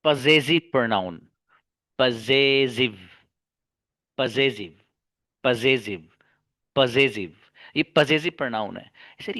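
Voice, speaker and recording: With a medium-pitched, fairly bright voice on a dry recording, this man explains English grammar. He frequently repeats key terms and poses rhetorical questions, fondly addressing his audience as "babu."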